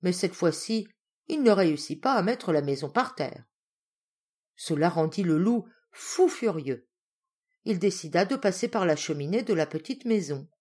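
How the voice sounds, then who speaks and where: A woman narrating a traditional fairy tale as an audiobook reader, in an expressive storytelling way. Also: on the low side, normal speed, slightly rough. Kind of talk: storybook reading.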